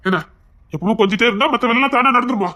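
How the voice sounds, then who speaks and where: A woman's voice: on the high side, rapid-fire, pushed and bright. A woman voicing an angry, dismissive husband in a Tamil audio drama, curt and threatening. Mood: irritated.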